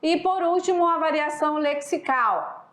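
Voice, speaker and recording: A woman's voice: sits high, moderate pace, fairly bright tone. A woman with a Brazilian accent teaching a recorded class. She talks in a chatty way and keeps checking in with her students. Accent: Brazilian Portuguese. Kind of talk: recorded online class lecture. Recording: echoey room.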